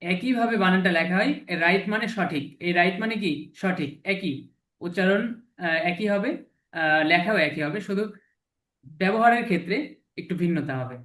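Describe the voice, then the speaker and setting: A man teaching English vocabulary to a class, slowly repeating each word and its meaning. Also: sits high, a bit bright, roomy sound, rough recording. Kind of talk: classroom lesson with repetition drills.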